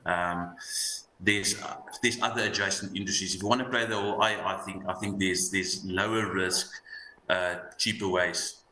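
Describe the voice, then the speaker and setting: A low-pitched, bright-edged man speaks with a broad Afrikaans South African accent. He talks markets off the cuff, stopping and doubling back on words. The room is echoey with faint noise. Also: fairly even intonation. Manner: halting, repeats words as he thinks. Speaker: investment analyst guest. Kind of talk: unscripted market commentary. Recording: roomy echo, light background noise.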